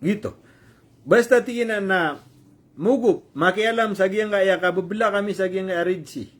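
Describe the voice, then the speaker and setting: This man's voice sits high as he gives informal news commentary full of fillers and self-corrections, slowing down to read English quotes.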